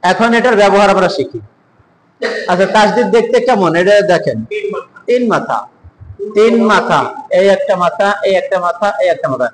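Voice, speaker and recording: A man teaching Quran reading to a class, asking questions and drilling sounds slowly for the students to repeat. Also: high-pitched, animated, long reverb tail, crowd noise, low-quality recording. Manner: asks the class questions and answers them.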